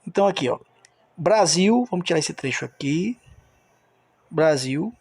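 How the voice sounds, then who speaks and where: A man with a high voice teaches a grammar lesson on a close mic, recorded dry with no room echo. He breaks every rule into small steps and keeps checking in with the listener. His voice has a gravelly edge. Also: animated, racing. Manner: explains step by step, often checks in with the listener.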